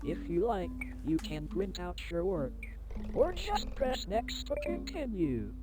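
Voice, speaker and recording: Sugary, animated cartoon game host played by a woman. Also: lowish voice, a little slow, heavy background noise. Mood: sugary cheer. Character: cheerful, controlling cartoon computer host character. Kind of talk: children's educational game voice acting. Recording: loud game music over voice.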